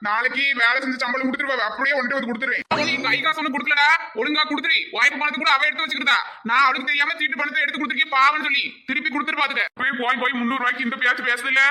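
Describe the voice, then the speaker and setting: A man's voice: very high voice, fairly even intonation, rapid-fire, sharp tone, exaggerated voice. A man voicing a grumbling working-class man in a cartoon, nagging angrily about money. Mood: angry. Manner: angry, nagging complaint.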